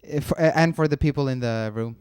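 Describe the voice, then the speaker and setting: A young man from Norway, chatting easily as a podcast guest. His voice is very smooth and resonant, close and dry on the mic. He laughs easily and keeps the talk light. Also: medium pitch, a little fast, a little mellow, dry recording. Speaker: touring singer, guest. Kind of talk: casual podcast chat.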